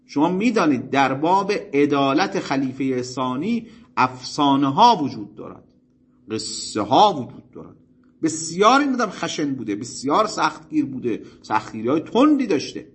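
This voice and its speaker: A man giving a religious lecture to seminary students, telling stories in a formal, animated way with polite asides to his listeners. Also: on the high side, breathy edge.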